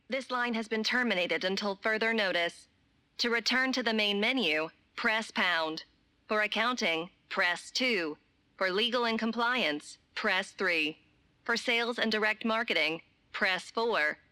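Bright, formal phone menu voice. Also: female voice, medium pitch, smooth. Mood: polite, impersonal. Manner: measured, scripted, formal phone menu delivery. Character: automated phone menu voice of an office, polite, impersonal. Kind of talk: recorded phone menu announcement.

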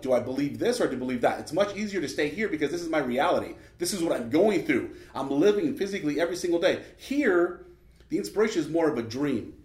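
A man tells his own story as a motivational speech, leaning hard on each point and often adding "man". His voice sits at an ordinary middle pitch. It echoes around a roomy space. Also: darkish tone. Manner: emphatic, often adds "man". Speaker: motivational speaker. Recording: roomy echo.

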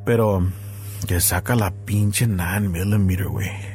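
A man's voice: sits low, fairly even intonation, slow, a little mellow, slight background noise. A man telling a crude, slang-heavy story as a podcast host. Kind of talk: casual storytelling chat.

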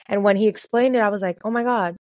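A woman from the Caribbean, co-hosting a podcast in casual chat, chatty and quick to laugh. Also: medium pitch, a little mellow, dry recording, clean studio sound. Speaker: podcast co-host.

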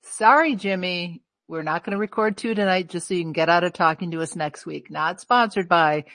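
A woman's voice: lowish voice, brisk, fairly bright tone, dry recording. A woman co-hosting a casual podcast, teasing the others in a wry, matter-of-fact way. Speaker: podcast co-host. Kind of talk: casual chat.

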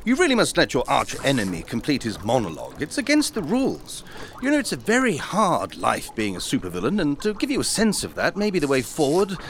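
A man's voice: a little high, huge pitch swings, a little fast, slight background noise. A man playing a retired supervillain baron turned union official in a comedy sketch, with a theatrical, politely spoken manner. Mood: polite, conciliatory. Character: smooth-talking retired supervillain baron turned union rep, secretly evil. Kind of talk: audio comedy sketch acting.

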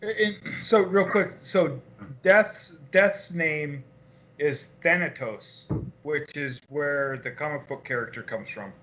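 A man in casual chat, chiming in with quick corrections and wisecracks. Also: fairly high pitch, pushed and bright, poor audio.

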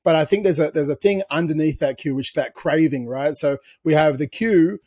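Male podcast co-host, husky, slightly raised pitch, dry close mic, casual explainer. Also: fairly quick, darkish tone, dry recording. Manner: explains at length, with restarts and "you know" asides.

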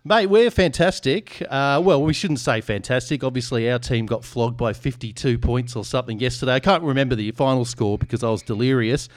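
A man hosting a sports podcast with an irreverent, joking manner. His voice sits at an everyday middle pitch, recorded dry and close with no room sound. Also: brisk, few pauses, no room sound. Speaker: podcast host. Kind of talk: casual sports podcast chat.

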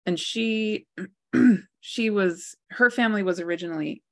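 A woman's voice: mid-range voice, a little slow, darkish tone. A woman in her forties, a guest author and healer, telling her life story in a reflective, candid way. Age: 40s. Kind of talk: interview.

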